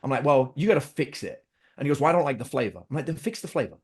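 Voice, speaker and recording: A middle-aged man, appearing as a podcast guest, tells family stories in casual conversation, animatedly acting out both his own lines and his children's. His medium-pitched voice is husky, animated and rapid-fire.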